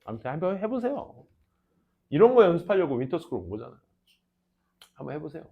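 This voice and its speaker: A young adult man teaching an English class, lecturing students in a casual, teasing way with lively asides. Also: fairly high pitch, fast talker, gravelly, slightly rough. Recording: dull lo-fi lecture recording.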